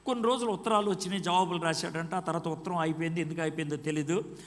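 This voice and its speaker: A man's voice: on the high side, fairly even intonation, rapid-fire, fairly bright tone. A man preaching, telling a story and acting out its dialogue. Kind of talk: storytelling sermon. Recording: long hall reverb.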